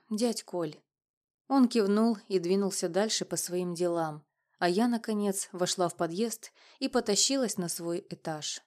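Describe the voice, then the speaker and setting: A woman narrating a first-person audiobook in a measured, dramatic way. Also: medium pitch, a little mellow.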